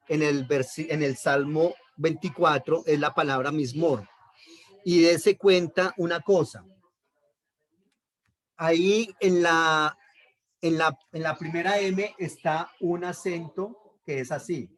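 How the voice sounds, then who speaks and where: Middle-aged guy teaching a bible class, kinda high voice, goes over everything twice. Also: fairly even intonation, normal speed. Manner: repeats key terms, checks in with "¿listo?". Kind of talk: slow explanatory lesson.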